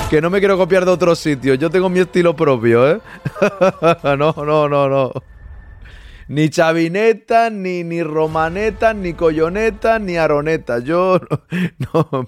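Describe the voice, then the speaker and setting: A man hosting a live podcast stream, chatting and joking while reading viewers' messages aloud. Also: on the high side. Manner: jokey, chatty, reads chat messages aloud. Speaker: podcast host.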